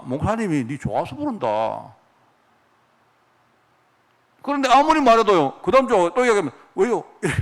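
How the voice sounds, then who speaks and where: A man's voice: high-pitched, fairly bright tone. A middle-aged male pastor, preaching a sermon, telling stories and asking the congregation rhetorical questions.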